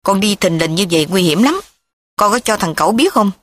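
A woman's voice: mid-range voice, expressive, a little fast, no echo, natural voice. A ruthless, scheming older father, as a woman narrator puts him on, scolding in hard, curt lines. It is recorded close and dry for a storybook read. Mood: harsh. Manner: harsh, scolding.

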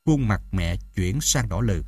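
A man narrating a first-person audiobook in an expressive, dramatic way. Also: on the low side, measured pace, slightly rough, dry recording, clean studio sound.

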